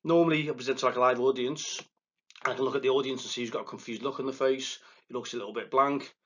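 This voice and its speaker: Speaking with a thick Liverpool accent, a medium-pitched man delivers a recorded lecture to counselling students as a psychotherapist, presenting alone with no live audience. He talks fast and excitably, frequently stumbling and restarting his words. The audio has its highs cut off and carries a little hiss or hum.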